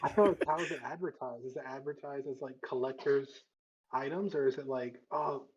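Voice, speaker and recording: A man's voice: medium pitch, fairly even intonation, a little fast, a little mellow. A man on a casual group podcast, reasoning through points in a level way. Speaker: podcast co-host. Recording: dull lo-fi mic.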